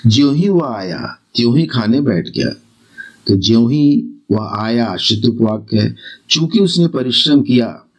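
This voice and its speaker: A man teaching a grammar lesson, explaining slowly, repeating key terms and asking his students questions. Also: mid-range voice, a little mellow.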